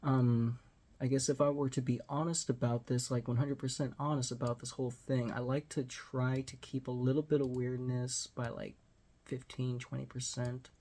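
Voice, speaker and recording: A Texan vlogger in his forties talks casually into a phone or webcam held close to his face in a small room at home. His medium-pitched, warm voice moves little in pitch and keeps a normal speed. He rambles, pokes fun at himself, and sometimes drops almost to a whisper.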